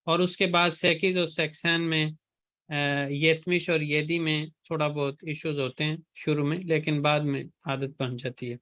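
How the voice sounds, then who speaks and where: A male language teacher, speaking at a deliberately slow pace in a slightly higher voice. He drills each word patiently, saying it again and again while correcting pronunciation. The delivery is calm and methodical. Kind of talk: online class lesson.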